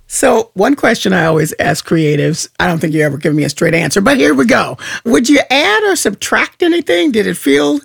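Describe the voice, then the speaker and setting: A woman's voice: mid-range voice, expressive, brisk, vocal fry, hardly any pauses, husky, dry recording, studio quality. A woman interviewing guests in a conversational, questioning manner. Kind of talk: broadcast interview.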